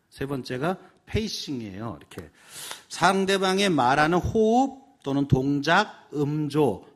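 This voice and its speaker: A middle-aged man leads a parenting seminar, his delivery lively and full of sweeping pitch. His voice has a husky grain, and he keeps slipping into acted-out voices to show his points. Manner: animated, acts out examples in voices. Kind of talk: seminar lecture.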